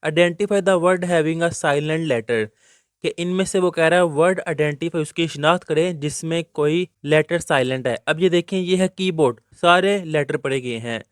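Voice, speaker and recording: A man, teaching an exam guide lesson step by step and reading questions out slowly in English. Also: a little high, clear, resonant tone, no room sound, clean studio sound. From Pakistan.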